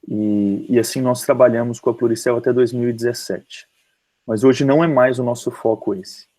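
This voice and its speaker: A man with a Brazilian accent, a company head answering in an online interview, calm and matter-of-fact. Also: mid-range voice, moderate pace, low-quality recording. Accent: Brazilian Portuguese. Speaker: company CEO guest. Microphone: video call.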